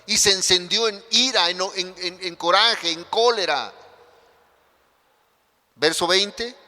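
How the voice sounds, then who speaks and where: A man's voice: high-pitched, slow pace, sharp tone. A man with a Mexican Spanish accent preaching a sermon as pastor, with emphatic rises and sudden drops. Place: church hall. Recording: long church hall reverb.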